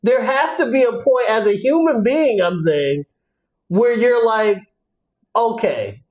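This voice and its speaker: A man's voice: very high voice, animated, a little slow, darkish tone, rough recording. A man co-hosting a podcast in casual chat, blunt and profane, often laughing as he talks. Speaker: podcast co-host.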